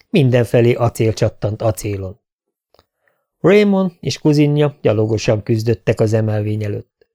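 A man narrating a fantasy story as an audiobook reader, measured and steady. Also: medium pitch. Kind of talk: scripted narration.

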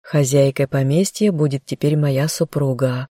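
A woman voicing a reserved young nobleman who speaks in a restrained, even way. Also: very deep voice, moderate pace, dry recording, clean studio sound. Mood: terse. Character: reserved young male count, calm and curt.

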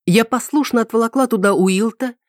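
A woman narrating an audiobook in the first person with an ironic, lively storytelling manner. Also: a little high, fairly quick, no echo, clean studio sound.

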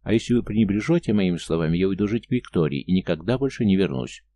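A man's voice: deep voice, animated, fast, warm tone. A man reading an audiobook, voicing a stubborn young woman who speaks insistently and defiantly. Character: stubborn young woman, waiting for her lost fiancé.

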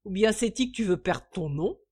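A woman's voice: high voice, big pitch swings, slow pace, a bit bright, voice pushed up, full character voice. A woman voicing a rowdy, slang-spouting drunken working-class man in a storybook reading. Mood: mocking. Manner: boisterous, slangy, hiccuping.

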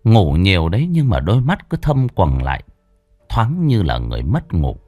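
A man narrating a horror story in a slow, dramatic, hushed manner. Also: low voice, wildly swooping pitch, dry recording. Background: faint music.

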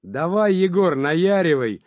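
A man's voice: low voice, expressive, measured pace, no room sound, exaggerated voice. A man doing a brash, coarse camper. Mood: goading. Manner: loud goading shouts. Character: rowdy grey-haired camper, brash and coarse. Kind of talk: audiobook character reading.

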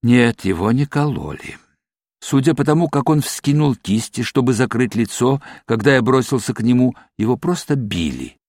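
A man narrating a novel as an audiobook, in an expressive, brooding manner. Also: medium pitch, normal speed, no echo, studio quality.

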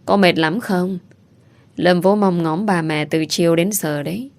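A woman doing a chatty, kindly housekeeper. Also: lowish voice. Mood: cheerful. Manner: quick, cheerful. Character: kindly middle-aged housekeeper, brisk and chatty.

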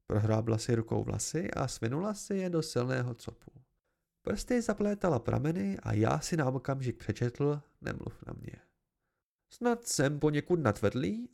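A man's voice: a little high, vocal fry, darkish tone. A man giving an amateur first-person novel narration, reading expressively. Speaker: audiobook reader.

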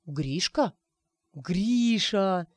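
A man's voice: high voice, animated, normal speed, no echo, studio quality. A woman voicing a cheerful young man, surprised and jovial.

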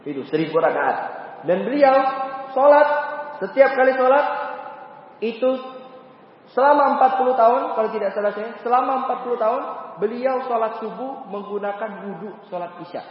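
A man's voice: extremely high pitch, moderate pace. A man preaching a sermon, telling stories with acted voices and rhetorical questions. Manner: animated storytelling, acts out voices, rhetorical questions. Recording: echoey hall, distant mic, dull sound.

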